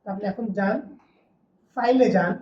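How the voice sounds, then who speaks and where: A woman's voice: fairly high pitch, moderate pace, a little mellow, a little hiss or hum. A woman teaching a classroom lesson, often asking the class a question and then answering it herself. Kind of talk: classroom lecture. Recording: distant, dull, roomy classroom recording.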